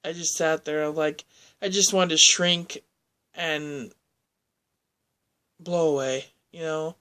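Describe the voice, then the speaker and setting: A woman telling a personal story in a halting, rambling way, often restarting her sentences. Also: low-pitched, fairly even intonation, fairly bright tone.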